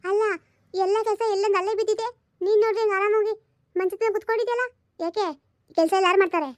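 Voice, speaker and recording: A woman puts on a scornful older mother-in-law who nags about undone chores, in a shrill, very high voice. This is a homemade family drama recorded dry and close. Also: steady tone, fast, no room sound. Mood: nagging. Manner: scolding.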